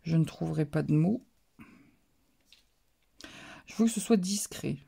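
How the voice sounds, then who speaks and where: A woman's voice: sits low, measured pace, creaky, mellow, breathy edge. A woman narrating a card-making tutorial, describing each step as she works, with many little fillers and hesitations. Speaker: craft channel host.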